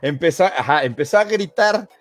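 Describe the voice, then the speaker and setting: Mexican man, slightly high voice, amused storyteller, faint music behind. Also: animated, a little fast. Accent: Mexican Spanish. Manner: laughing anecdote teller, says "órale". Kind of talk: casual chat.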